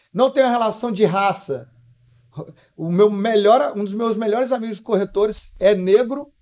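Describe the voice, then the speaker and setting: A man's voice: sits high, a little mellow. A young Brazilian man telling stories on a podcast in a blunt, slangy way. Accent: Brazilian Portuguese. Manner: blunt, slangy, calls listener brother. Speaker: real estate broker guest. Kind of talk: casual podcast storytelling.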